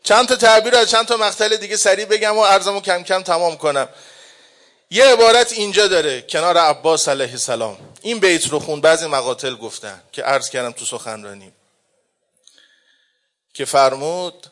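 A man preaching a mourning sermon, chanting the lament slowly and drawn-out, swinging between hushed and loud. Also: high voice. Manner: slow, drawn-out delivery.

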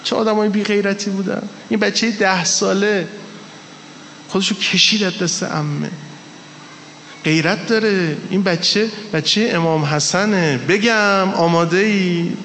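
A man's voice: high voice, fairly even intonation, a bit bright, slight background noise. A man preaching an impassioned mourning sermon to a live gathering, telling the story with strong emphasis. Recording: reverberant hall with faint ambience.

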